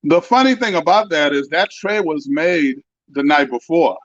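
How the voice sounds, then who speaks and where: A man's voice: a little high, animated, moderate pace, dry recording. A man in his fifties, a former basketball player turned coach, chatting as a guest over a video call with a spotty connection. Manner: easygoing, rambling storyteller. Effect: heard over a video call with a spotty connection. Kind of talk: casual interview chat. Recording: dull lo-fi video call audio, dry.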